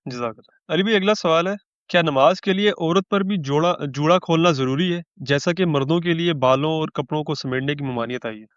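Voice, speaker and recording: A man's voice: a little high, no room sound, highs cut off. A man with a Pakistani Urdu accent politely reading out a question to a scholar. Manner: polite, reads the question aloud.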